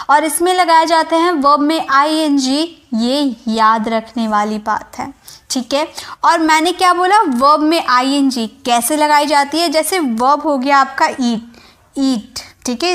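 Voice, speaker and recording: High-voiced woman teaching English slowly. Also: a bit bright. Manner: explains patiently, repeats examples slowly. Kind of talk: spoken English lesson in Hindi.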